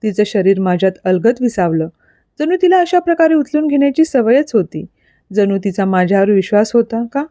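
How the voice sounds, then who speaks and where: A woman reading a dramatic audio story aloud in an expressive, storytelling manner. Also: mid-range voice, a little fast, no room sound. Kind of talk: scripted narration of an audio story.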